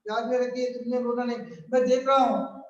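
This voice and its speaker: A man's voice: extremely high pitch, little pitch movement, a little fast, highs cut off. A man voicing an innocent young boy who keeps asking his mother questions in a pleading way. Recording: echoey room, distant mic.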